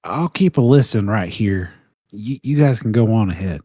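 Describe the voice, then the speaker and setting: A man's voice: fairly low pitch, expressive, normal speed, warm tone, no echo, clean studio sound. A man chatting casually as a player in a tabletop game. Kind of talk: casual chat.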